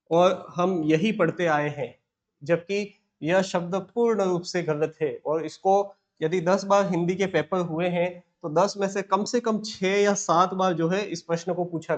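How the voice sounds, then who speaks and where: A man teaching Hindi grammar, slowly dictating words and repeating each one as a question and answer. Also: on the high side, muffled recording. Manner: repetitive, asks and answers himself, slow dictation. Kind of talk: classroom lesson dictating words.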